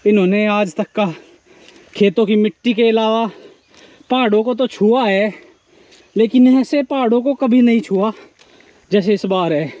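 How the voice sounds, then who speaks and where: A man with a high voice narrates a walking travel vlog. He is outdoors on a wooded hillside, speaking into a handheld camera mic. He talks as he climbs barefoot and drifts into reflective, philosophical asides. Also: a little mellow, dull audio. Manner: talks while hiking barefoot uphill. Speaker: travel vlogger.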